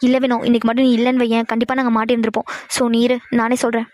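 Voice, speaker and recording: Woman for cartoon sisters, high and quick, protective pleading. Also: little pitch movement, a little mellow, dry recording. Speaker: voice artist for sisters. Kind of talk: cartoon dialogue.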